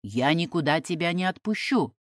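A woman reading an audiobook and voicing a hot-headed young Roman man who demands answers and shouts oaths. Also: sits low, animated, unhurried, no room sound, studio quality. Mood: furious.

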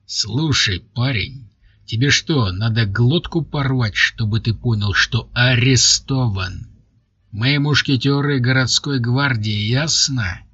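A man voicing a gruff, moustached city guard officer who barks orders and threats. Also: medium pitch, takes it slowly, fairly bright tone, no room sound, dull audio, full character voice. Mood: threatening. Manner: gruff, barking commands.

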